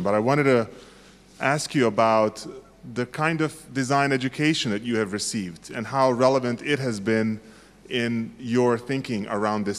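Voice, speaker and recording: A polite man in a middle register asks the panel a question from the audience of a live talk, modest and a little self-deprecating. His voice rings with the long reverb of a big hall. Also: medium pitch. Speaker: university dean asking an audience question.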